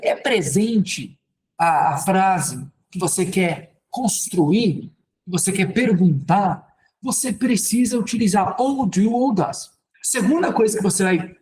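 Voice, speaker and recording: Casual Brazilian teacher explaining grammar. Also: male voice, high-pitched, darkish tone, a little hiss or hum. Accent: Brazilian Portuguese. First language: Portuguese. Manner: conversational, repeats "ok, gente" and "então". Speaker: English teacher. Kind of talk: casual spoken lesson at a board.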